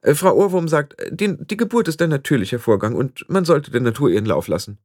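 A man putting on a jittery young witch whose high, strained voice stammers and lurches up and down. She sounds frantic and overwhelmed, read as an audiobook character in a dry, close recording. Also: lively intonation, fast talker, a little mellow, dry recording. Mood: hesitant.

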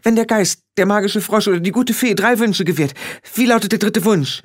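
A man voicing a frantic young witch girl in an audiobook, pleading and firing off rushed questions. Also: sits high, pitched above the performer's own voice. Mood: urgent. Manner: breathless pleading rush of questions. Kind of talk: audiobook character voice.

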